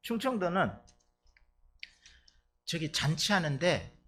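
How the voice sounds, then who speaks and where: Lively, bright-voiced Korean pastor preaching. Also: male voice, fairly high pitch, takes it slowly. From Chungcheong, Korea. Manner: playful, chatty, teasing the congregation. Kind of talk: sermon. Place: church sanctuary.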